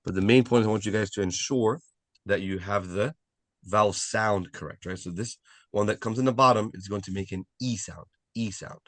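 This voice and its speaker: In a live online lesson for beginning language learners, a man walks through each step, says the main points more than once, and frequently asks "right?". He talks a little fast in a lowish, fairly bright voice, on a dry recording.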